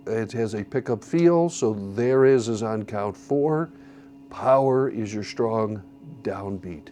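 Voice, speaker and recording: A man's voice: fairly low pitch, takes it slowly, mellow, soft background music. A man teaching a church song-leading class, explaining conducting patterns patiently and counting beats aloud. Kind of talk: classroom instruction.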